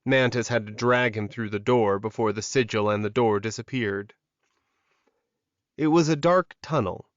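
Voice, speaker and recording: A man with a mid-range pitch narrates dramatic fiction for an audiobook. The recording is close and dry, with a slightly dull tone.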